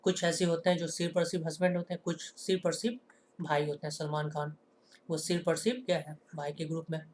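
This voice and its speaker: A man teaching a lesson in a classroom style. He keeps asking rhetorical questions and answering them himself, and he slows down to stress each example sentence. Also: a little high, little pitch movement, darkish tone, slight background noise.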